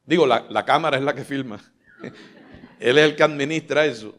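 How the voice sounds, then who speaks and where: Speaking at a normal pace in a medium-pitched, slightly bright voice, a pastor gives an emphatic, rousing Sunday sermon live from the church stage. Questions go out for the congregation to answer. The video's audio comes from a stage mic.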